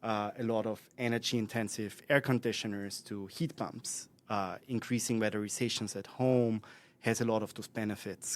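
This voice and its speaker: In a relaxed podcast interview, an Austrian-accented man appears as a guest expert, speaking at middling pitch and pace. Thoughtful, he pauses often, uses many fillers and restarts, and corrects himself while working through his points.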